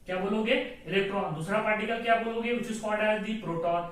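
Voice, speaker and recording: A man's voice: high-pitched, a bit bright. A man teaching a chemistry lecture, who asks his students questions, answers them himself and repeats the key terms. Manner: mixes in slow, drawn-out English phrases. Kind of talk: classroom lecture. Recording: echoey room, voice from far off.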